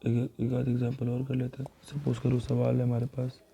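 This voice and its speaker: Flat-voiced man teaching chemistry. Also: medium pitch, normal speed, gravelly, slight background noise. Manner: talks students through worked examples, calls them beta; thinks aloud and corrects himself. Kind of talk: exam revision lesson.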